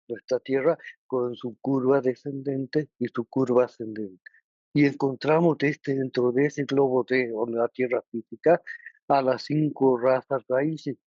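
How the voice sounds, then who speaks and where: A man with a Mexican Spanish accent teaching a study group, halting and often pausing to check that listeners follow. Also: mid-range voice, mellow, dry recording. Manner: checks understanding with frequent tag questions; halting, with many restarts and filler words. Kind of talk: explanatory lesson. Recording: dull, lo-fi recording.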